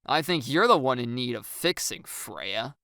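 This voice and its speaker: Telling a first-person story, an audiobook narrator performs the lines with a wry, animated touch at an unhurried pace. The medium-pitched voice is a bit bright with a noticeable creak, and it sits close and dry with no room sound or echo.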